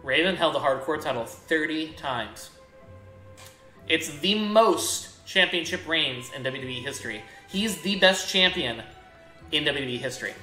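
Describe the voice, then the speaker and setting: A man's voice: medium pitch, pushed and bright. A man chatting casually while he plays a video game, telling rambling stories with many restarts. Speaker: gaming streamer. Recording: echoey room with faint game music.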